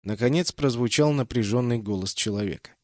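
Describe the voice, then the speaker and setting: A man's voice: mid-range voice, fairly quick, darkish tone, no room sound, clean studio sound. A man reading scripted first-person fiction as an audiobook narrator.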